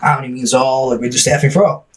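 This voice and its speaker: Fast-talking man telling his story. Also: medium pitch, recorded from a distance. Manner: fast, animated, acts out dialogue, swears casually. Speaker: podcast guest, gym owner. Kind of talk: casual storytelling interview.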